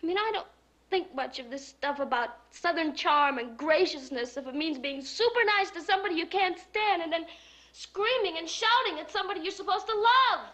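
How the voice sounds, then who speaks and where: An actress playing a blunt, hurt teenage daughter arguing in a screen drama. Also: female voice, very high voice, lively intonation, moderate pace, bright, forceful tone, full character voice. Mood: indignant. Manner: blunt, argumentative.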